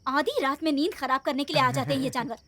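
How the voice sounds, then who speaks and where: A sharp-tongued scolding woman. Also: high voice, fast. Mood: annoyed scolding. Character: scolding adult woman woken at night. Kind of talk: Hindi film dub.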